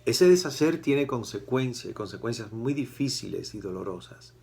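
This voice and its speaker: A priest giving a conversational sermon, acting out quoted voices with animated swings. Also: male voice, medium pitch, normal speed, gravelly.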